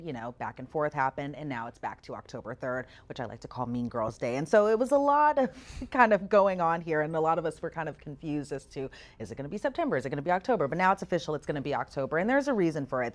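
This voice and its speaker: A woman reporter recaps court dates in a chatty, easygoing way with little laughs between facts. Her voice sits very low for a woman. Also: expressive, quick pace. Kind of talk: casual news chat.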